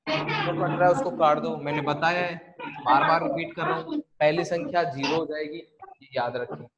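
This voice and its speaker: A man teaches an online math class, talking the students through each step. His voice sits a little high for a man. He keeps asking the class questions and answering them himself, repeating the key rules. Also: normal speed, muffled recording, over a noisy crowd. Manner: repetitive, step-by-step explaining with rhetorical questions.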